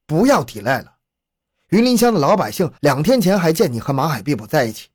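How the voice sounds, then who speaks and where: A man voicing a determined male police chief who shouts urgent commands while chasing a suspect. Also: fairly high pitch, very animated, fairly quick, slightly rough. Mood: pressing.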